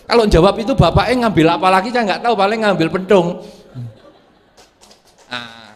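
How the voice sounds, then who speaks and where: A man's voice: high-pitched, normal speed. A man, a Buddhist monk giving a humorous dharma talk, telling stories and acting out their characters. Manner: lively storyteller, acts out characters. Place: large hall with an audience. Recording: long hall reverb.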